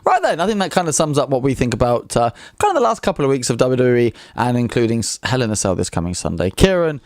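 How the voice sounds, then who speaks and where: Young guy chatting wrestling, lively and jokey, dry close sound. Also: quick pace, no echo. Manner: chatty, animated, jumps up in pitch for emphasis. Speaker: podcast co-host. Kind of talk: casual wrestling chat.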